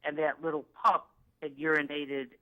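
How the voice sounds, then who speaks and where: A woman's voice: sits low, little pitch movement, moderate pace, lo-fi sound. A woman in her sixties calling in to a vet show, polite and a little hesitant, with frequent "uh" fillers. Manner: polite, hesitant, uses "uh" and "yes, sir". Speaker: caller.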